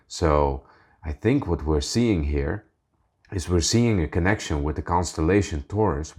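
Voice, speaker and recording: Low-voiced male host explaining clips. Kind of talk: commentary on video clips.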